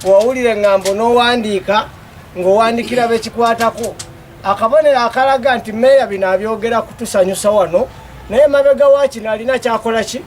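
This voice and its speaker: A man's voice: very high voice, fast, a little hiss or hum. A male news reporter delivering a voice-over with pointed rhetorical questions, sometimes raising his voice.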